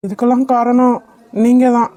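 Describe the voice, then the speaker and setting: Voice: medium pitch, monotone, normal speed, warm tone, no echo, close to an everyday voice. A voice actor playing a grateful, protective young man in a cartoon, speaking with earnest feeling. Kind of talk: cartoon voice acting.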